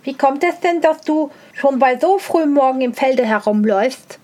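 A woman's voice: high-pitched, animated, moderate pace, warm tone. Woman doing a scornful boastful hare. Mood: mocking. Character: haughty mocking male hare, proud of his long legs.

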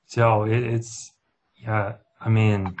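Man, Brazilian Portuguese accent, somewhat low voice, relaxed, lots of fillers. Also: takes it slowly. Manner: relaxed, easygoing, filler-heavy. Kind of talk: casual group chat.

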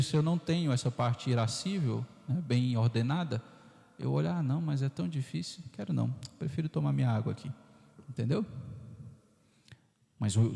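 Gravelly-voiced priest in an echoing church. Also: male voice, medium pitch, mellow. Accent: Brazilian Portuguese. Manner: conversational, constant "né?" tag questions, acts out inner voices. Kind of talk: informal catechesis talk. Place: parish church hall. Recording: reverberant church hall, flawed audio.

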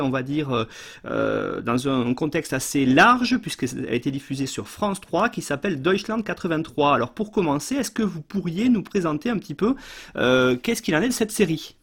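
Man, podcast host, husky voice, slightly high pitch, hesitant fillers. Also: lively intonation, moderate pace. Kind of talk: scripted intro then interview questions.

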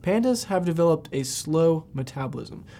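A man's voice: a little high, animated, normal speed, warm tone. A man hosting a podcast, reading scripted science facts aloud and occasionally stumbling over words. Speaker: podcast host.

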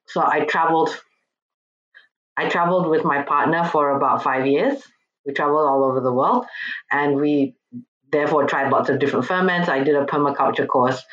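A woman in her forties from Malaysia, chatting casually as an interview guest, with many fillers and quick asides. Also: rumbling low. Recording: dull lo-fi audio.

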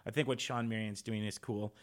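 A man's voice: on the low side, fairly even intonation, a little fast. A man co-hosting a casual sports podcast, talking loosely with restarts and frequent laughs. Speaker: podcast co-host.

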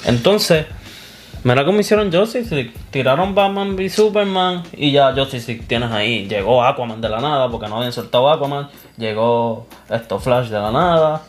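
A man's voice: mid-range voice, animated, moderate pace. A young adult man, co-hosting a casual chat about films, opinionated and insistent. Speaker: co-host.

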